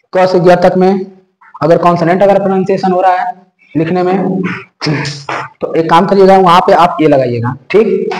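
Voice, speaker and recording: Guy teaching grammar in an echoey room, kinda high voice, keeps asking "ok?". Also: a little mellow. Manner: repetitive, checks in with listeners often. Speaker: English teacher. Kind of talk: classroom grammar lesson.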